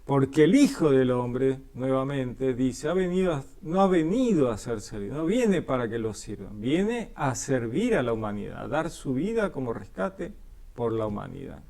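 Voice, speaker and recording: A man's voice: mid-range voice, big pitch swings, moderate pace, warm tone. A man with a Rioplatense Spanish accent leading a Bible study, reading passages and explaining them conversationally with frequent questioning tags.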